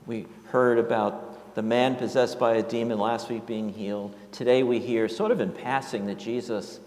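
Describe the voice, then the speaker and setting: Low-voiced pastor preaching in a reverberant hall. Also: male voice. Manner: halting, with many fillers and restarts. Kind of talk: sermon. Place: church.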